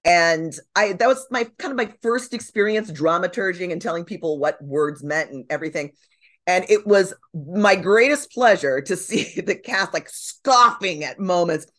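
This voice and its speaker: A woman on a podcast as a guest and dramaturg, telling lively stories about stage and film. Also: lowish voice, normal speed. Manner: animated storyteller, acts out quotes. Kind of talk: casual chat.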